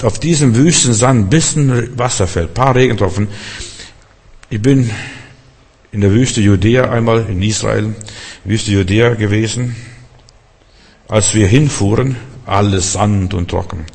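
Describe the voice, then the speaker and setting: Man, preacher, sermon, gravelly, fervent, questions the congregation. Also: fairly low pitch, a little slow, a little mellow. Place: church hall in Berlin. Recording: long hall reverb.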